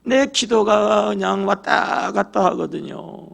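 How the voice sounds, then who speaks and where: A man's voice: high voice, slow, creaky, fairly bright tone. A male pastor preaching a sermon to his congregation in a church. He acts out quoted prayers and keeps asking the congregation questions. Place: church sanctuary.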